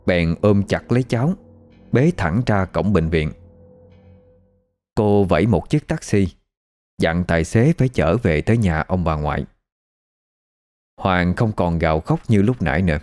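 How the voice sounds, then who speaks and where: A man narrating a scripted ghost story in an expressive storytelling manner. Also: low-pitched.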